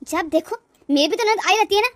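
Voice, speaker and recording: A woman's voice: extremely high pitch, lively intonation, fast talker, no room sound, studio quality. Woman voicing a patient put-upon young wife. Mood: hurt. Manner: polite, complaining softly. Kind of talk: cartoon voice acting.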